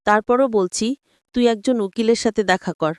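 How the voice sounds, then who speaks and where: A woman's voice: a little high, moderate pace, a little mellow, dry recording, studio quality, natural voice. A woman voicing the narrator's playful, teasing young female best friend in a spoken story. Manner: playful, giggly.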